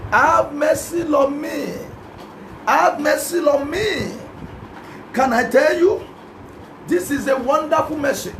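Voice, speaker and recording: A Nigerian man preaching a sermon as pastor, fervently chanting repeated prayer lines and often breaking into shouts. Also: very high voice, lively intonation, slow pace, creaky, long pauses. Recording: echoey room with background noise.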